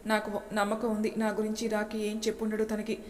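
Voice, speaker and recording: A woman's voice: mid-range voice, monotone, a little fast, a little mellow, slight background noise, natural voice. A woman voicing an anxious young office worker who muses earnestly to himself. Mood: longing. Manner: worried, earnest inner musing. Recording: long reverb echo.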